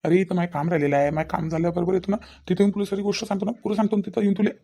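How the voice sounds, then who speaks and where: A woman's voice: on the low side, level tone, very fast, warm tone. A woman voicing an evasive young man with a Vidarbha Marathi accent, pleading on the phone and promising to explain everything later. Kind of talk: cartoon voice acting.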